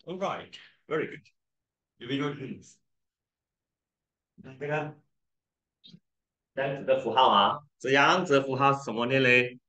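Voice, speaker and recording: Man, pronunciation tutor, slow patient delivery, drawn-out vowels, echoey room. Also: medium pitch, pushed and bright. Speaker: English pronunciation teacher. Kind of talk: tutoring lesson, mixing Mandarin and English.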